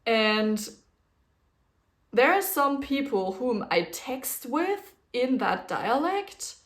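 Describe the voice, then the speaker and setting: This young woman hosts a solo podcast and chats casually, rambling a little, with fillers and small laughs. She speaks very slowly in a high-pitched voice with big pitch swings. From a German-speaking region, she grew up with a German dialect and has a German accent.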